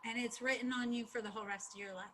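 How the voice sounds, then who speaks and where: Woman guest, reflective and emphatic, bright tone. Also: fairly high pitch, fairly even intonation, rapid-fire, a little hiss or hum. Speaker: podcast guest. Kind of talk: casual conversational interview.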